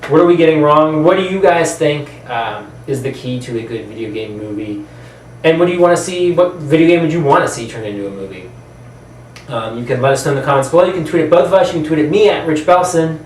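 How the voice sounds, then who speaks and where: Talking fast in an animated voice on the high side, a man hosts a channel covering films and games. His chat is casual and rambling, occasionally trailing off, captured with a distant mic, roomy echo and faint noise.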